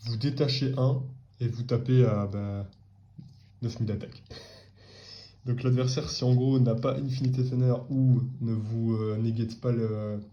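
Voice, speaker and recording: A man's voice: medium pitch, steady tone, unhurried, mellow, highs cut off. A man casually presenting his card game deck, hesitant with frequent fillers and slangy asides. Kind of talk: casual chat.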